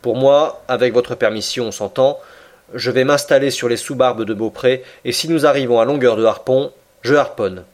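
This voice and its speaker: A man's voice: medium pitch, normal speed, natural voice. A man voicing a bold male harpooner who speaks bluntly and eagerly.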